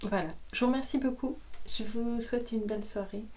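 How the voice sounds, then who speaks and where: A woman who reads books aloud, chatting casually at the end of a reading, soft and rambling, sometimes slipping into whispers, at home. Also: a little high, a little fast. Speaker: audiobook reader. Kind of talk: casual closing chat.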